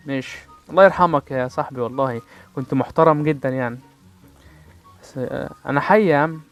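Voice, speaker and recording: Fast-talking Egyptian man narrating gameplay. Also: a little high. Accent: Egyptian Arabic. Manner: playful, jokey banter with viewers, mouths gunfire sounds. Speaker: gaming channel host. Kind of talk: casual gameplay commentary.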